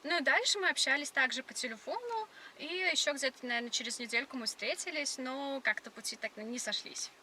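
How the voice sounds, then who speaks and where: A woman's voice: sits high, animated, brisk, few pauses, sharp tone. A young woman from Moscow chatting on a date in a matter-of-fact, demanding way. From Moscow, Russia. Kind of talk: casual date banter. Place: inside a car. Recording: distant in-car sound, faint noise.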